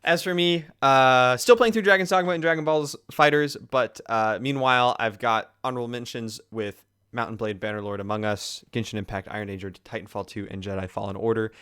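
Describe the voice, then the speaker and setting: A man's voice: medium pitch, fairly even intonation, fairly quick, hardly any pauses, fairly bright tone, smooth. A man co-hosting a casual gaming podcast, chatting easily and laughing often. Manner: laughs often, earnest sign-off. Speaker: podcast co-host.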